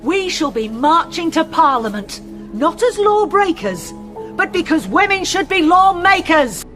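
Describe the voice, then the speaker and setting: A woman playing a fiery suffrage leader, declaiming a rousing speech loudly to a crowd in a historical drama. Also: very high voice, very animated, a little slow, music in the background, full character voice. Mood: rousing, defiant.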